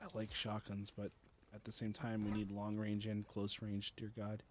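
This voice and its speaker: A man's voice: lowish voice, monotone, moderate pace, slight background noise. A man streaming a shooter game with friends, chatting casually, laughing often and making playful sound effects. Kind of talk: casual gaming chat.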